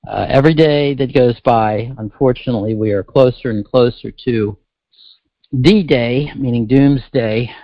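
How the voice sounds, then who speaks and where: A man hosting a solo political talk broadcast, speaking haltingly with thick, slurred speech from a swollen tongue and addressing listeners in folksy asides. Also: medium pitch, no echo, dull audio. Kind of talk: solo talk-show monologue.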